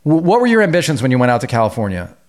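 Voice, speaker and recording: A man hosting an interview podcast, asking questions in a relaxed, chummy way with stumbling repeats. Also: mid-range voice, rapid-fire. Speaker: podcast host. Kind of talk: casual interview.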